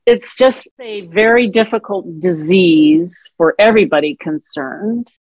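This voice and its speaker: A middle-aged woman, an author and caregiver, is interviewed as a guest and shares personal caregiving stories in a reflective, conversational manner, acting out quoted dialogue. Her voice is fairly low and darkish, a little slow, and the recording is dry.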